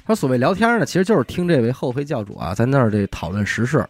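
A fast-talking podcast host with a mid-range voice recounts a story in casual chat, his lively delivery full of laughs and little "ai" interjections. The recording has no echo, with faint music behind him.

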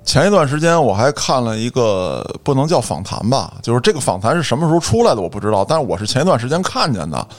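Man, medium pitch, emphatic rhetorical manner, casual panel chat. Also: sing-song, quick pace, few pauses. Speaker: talk show panelist.

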